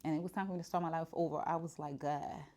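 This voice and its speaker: In a very fast, steady, deep voice with a darkish tone, a vlogger in her 40s talks candidly to the camera in her shop. The casual personal chat is peppered with fillers and restarts.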